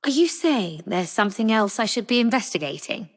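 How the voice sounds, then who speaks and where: A woman's voice: mid-range voice, animated, a little fast, close to an everyday voice. Lady doing a big blunt soldier dude, cheery and eager, echoey. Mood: curious.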